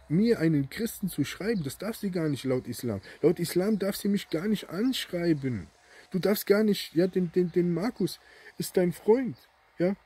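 A man with a deeply husky, breathy voice talks at his audience in a rambling, emphatic monologue. His tone is dark and mellow, sitting a little higher than most men's. He keeps checking in with his listeners as he talks. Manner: emphatic, rambling, constant "ja?" tags. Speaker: online commentator. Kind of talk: ranting monologue to viewers.

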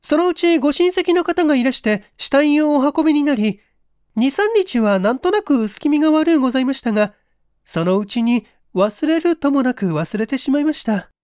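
In a dramatized mystery reading, a woman plays a young office worker, her very high, slightly mellow voice recorded up close in clean studio sound with no room tone. Speaking at normal speed, she's expressive and earnest, using deferential, formal phrasing as she hesitantly and distressfully confesses.

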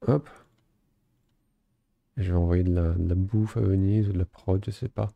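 A man's voice: low-pitched, steady tone, moderate pace, creaky, dry recording, dull audio. A man casually commenting on a strategy game as he plays, thinking aloud with many fillers. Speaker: gaming video host. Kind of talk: casual let's play commentary.

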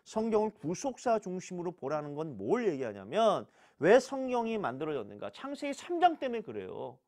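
High, lively-voiced pastor teaching Bible class. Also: male voice, a little fast. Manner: asks questions and answers them himself; repeats key words for emphasis. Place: church.

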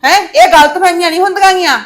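A woman playing a sharp-tongued visiting mother who scolds and taunts her daughter's in-laws in a family drama. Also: extremely high pitch, fairly even intonation, rapid-fire. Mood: scolding.

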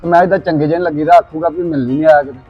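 A man's voice: fairly high pitch, very fast, husky. A man with a Punjabi accent playing a teasing young husband chatting with his wife. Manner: teasing, relaxed. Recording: dull lo-fi sound with faint music.

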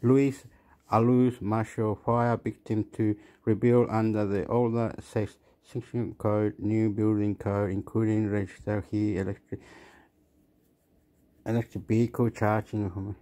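An Australian-accented male vlogger rambles through commentary over a phone screen recording, repeating himself and restarting what he says. His voice is mellow, fairly low and a little slow, with little pitch movement.

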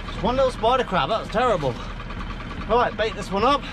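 A man's voice: sits high, lively intonation, fairly quick. A man, perhaps in his thirties, giving casual, exclamatory vlog commentary while working on a small open fishing boat. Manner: exclamatory, talks while hauling gear. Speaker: small-boat crab and lobster fisherman. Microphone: camera mounted in the boat, few metres away. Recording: loud engine and outdoor boat noise.

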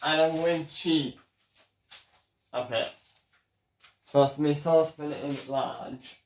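Slow-talking young man cooking at home. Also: fairly high pitch, fairly even intonation. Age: young adult. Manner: halting, chatty, talks while cooking. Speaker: home cooking show host. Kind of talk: casual cooking vlog. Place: small home kitchen, indoors. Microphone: fixed camera across the room. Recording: echoey kitchen, voice from far off.

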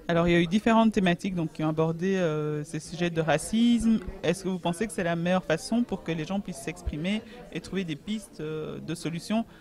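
A woman interviewer asking polite, clearly phrased questions at an event, speaking into a handheld mic in a large indoor hall. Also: on the low side, brisk, hardly any pauses, darkish tone.

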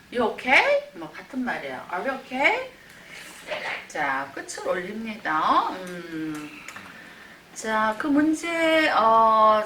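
A woman's voice: fairly high pitch, pushed and bright. A woman teaching English grammar to older learners in a recorded online class, explaining patiently with many fillers and reading English examples in a Korean accent. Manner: drawn-out English example sentences. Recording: roomy, slightly distant mic with faint background hiss.

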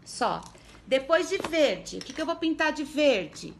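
A woman with a Brazilian Portuguese accent teaching a remote literacy lesson to first graders, speaking slowly and patiently, sounding out syllables and checking in with the children often. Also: high-pitched, very animated, creaky, a little hiss or hum. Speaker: primary school teacher.

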